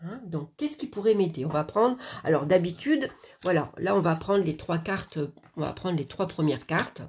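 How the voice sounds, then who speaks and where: Speaking at a normal speed, this French woman has a fairly low, animated, slightly mellow voice. She talks straight to the viewer while casually explaining an oracle card reading, hesitant and chatty, full of fillers and restarts.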